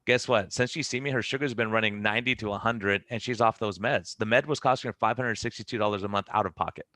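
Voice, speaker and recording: A middle-aged man, a physician, talking as a podcast guest. He tells energetic stories and acts out what his patients say. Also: on the low side, fast talker, dry recording, clean studio sound. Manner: energetic storyteller who acts out patients' lines. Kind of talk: podcast conversation.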